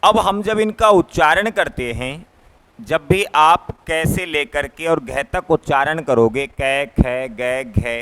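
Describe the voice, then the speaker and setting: A man's voice: a little high, slow pace, fairly bright tone, clean tone. A male teacher from Rajasthan giving a classroom grammar lecture, patiently drilling letter sounds one by one and repeating his points while he writes on a board. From Rajasthan, India.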